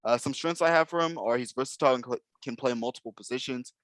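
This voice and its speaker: A man's voice: medium pitch, quick pace, a bit bright, dry recording. A man co-hosting a podcast, talking through basketball prospects in a casual, analytical way with lots of fillers and hedges. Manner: analytical, hedging with many fillers. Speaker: podcast co-host. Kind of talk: casual basketball draft chat.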